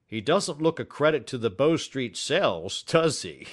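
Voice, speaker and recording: A man's voice: mid-range voice, animated, unhurried, slightly rough, pitched above the performer's own voice. A man doing a hearty old-school police inspector. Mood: jovial. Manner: hearty, loud, joking. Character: blunt, jovial veteran male police inspector.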